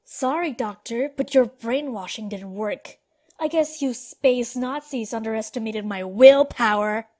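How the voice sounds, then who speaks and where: A woman's voice: on the high side, darkish tone, no echo. A woman playing a spaced-out hippie lieutenant who drawls, peppering her talk with "like" and "man". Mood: defiant. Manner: slow drawl, says "like" and "man". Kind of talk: comedy audio drama acting.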